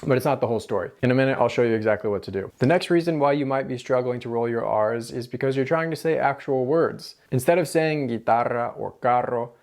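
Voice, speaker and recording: A man's voice: medium pitch, fast talker, few pauses, a little mellow. American man teaching rolled R pronunciation. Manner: demonstrates rolled and tapped R sounds, repeating example syllables and words. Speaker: language teacher. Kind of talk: instructional pronunciation tutorial, explaining casually.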